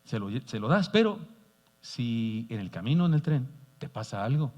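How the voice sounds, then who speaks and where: A man voicing a wise, gentle father who calmly reassures his son. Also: mid-range voice, normal speed, close to an everyday voice. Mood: caring. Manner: calm, reassuring. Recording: dull sound, long church reverb.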